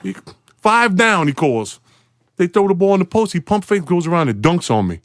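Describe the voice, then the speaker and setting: A man's voice: brisk, no echo, clean studio sound. Man telling a story with laughter. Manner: laughing, playful, jumps into high excited voices. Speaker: podcast guest. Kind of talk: animated storytelling.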